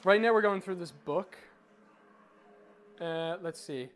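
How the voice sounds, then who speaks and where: Male game streamer, high voice, casual live commentary, chatty, informal, self-deprecating. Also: takes it slowly, a bit bright, clean tone.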